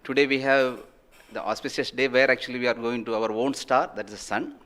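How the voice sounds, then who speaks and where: A man's voice: mid-range voice, fairly even intonation, fairly quick, fairly bright tone. A man scientist with an Indian English accent answering on air, leaning heavily on the word actually. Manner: uses 'actually' often, emphatic. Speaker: payload scientist. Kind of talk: live broadcast interview answer.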